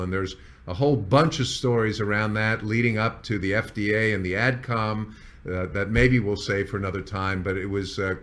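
Low-pitched male CEO recounting company history. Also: fairly bright tone. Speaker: biotech chief executive and founder.

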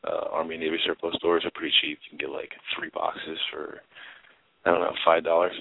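A man's voice: extremely low pitch, little pitch movement, brisk, vocal fry, no room sound. A man hosting a casual advice chat, stressing key words by repeating them. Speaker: talk show host. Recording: narrow phone-like sound, dry.

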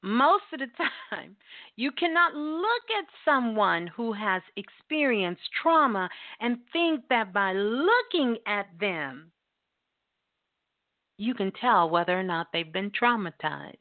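A woman's voice: medium pitch, very animated, takes it slowly. A woman radio host delivering a blunt, emphatic talk monologue with casual swearing. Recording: tinny phone-line sound.

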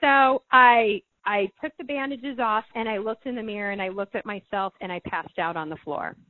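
A woman in her forties, a life coach, telling a personal story in an interview, animated and acting out the voices she quotes. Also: mid-range voice, normal speed, a little hiss or hum. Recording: dry, phone-like audio.

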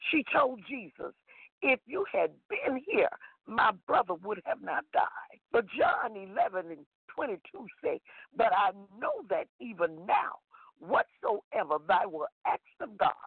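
A woman's voice: medium pitch, creaky, breathy edge, dry recording. A woman prophetess reading scripture and preaching a devotional in a sing-song way, coming back to a repeated refrain. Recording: tinny phone line, dry.

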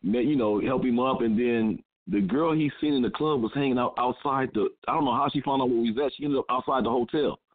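A man's voice: mid-range voice, fast, few pauses. Man telling a story over a phone line. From California. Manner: animated storyteller who acts out friends' lines. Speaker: guest. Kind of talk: casual storytelling. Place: calling in to an internet radio show.

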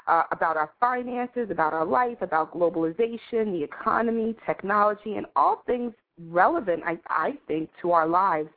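A woman hosting a morning show in a casual, chatty way, addressing listeners familiarly. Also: on the low side. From New York City, USA. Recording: tinny, phone-like internet radio line.

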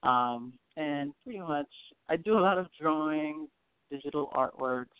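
A man's voice: a little high, unhurried, clear, resonant tone, no echo. Hesitant man from Haiti on the phone. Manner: hesitant, many ums and repeated words. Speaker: guest artist. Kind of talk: casual interview answers. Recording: tinny phone line.

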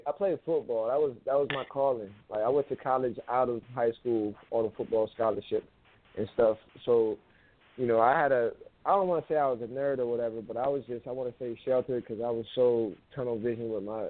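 A raspy young man talks in an easy, relaxed way as an interview guest, often repeating himself while he finds his words. His voice sits fairly low and comes through a narrow, tinny phone line. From United States. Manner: laid-back, laughs often, repeats words. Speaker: guest hip-hop artist. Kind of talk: casual interview chat.

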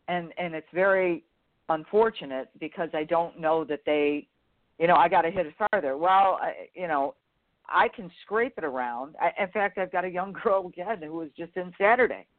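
A woman's voice: lowish voice, moderate pace. A woman golf instructor co-hosting a show, talking frankly and bluntly in casual chat. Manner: frank, blunt teaching talk. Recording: tinny phone-like sound.

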